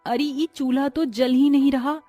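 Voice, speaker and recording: A woman voicing a cheeky young village bride from Banaras, speaking in a loud, drawling village dialect with a Bhojpuri-tinged eastern Hindi accent, over soft music. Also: high voice, steady tone, normal speed, voice pushed up, close to an everyday voice. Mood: sassy.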